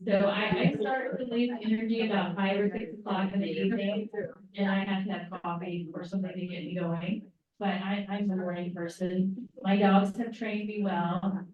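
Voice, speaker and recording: A woman's voice: mid-range voice, steady tone, moderate pace. Southern-accented woman leading a meeting. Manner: chatty, rambling. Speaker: trip meeting leader. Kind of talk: casual group meeting talk. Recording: echoey dull room audio from far off.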